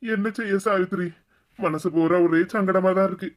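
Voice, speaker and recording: A voice actor with a steady, medium-pitched, natural voice plays a remorseful older village husband in a cartoon, using a Kanyakumari Tamil accent. He speaks heavily and reluctantly, weighed down by guilt and slow to explain himself.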